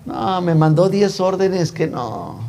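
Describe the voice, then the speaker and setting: A preacher playing a curious young Israelite. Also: male voice, sits high, animated, slow pace, creaky, mellow, exaggerated voice. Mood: hesitant. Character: curious young Israelite man tempted by foreign ways. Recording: long church reverb.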